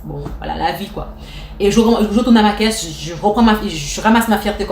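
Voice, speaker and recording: A woman's voice: medium pitch, a little fast. A woman vlogger telling a personal story in a casual way, with many restarts. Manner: lively retelling with restarts and acted quotes. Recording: echoey room, faint noise.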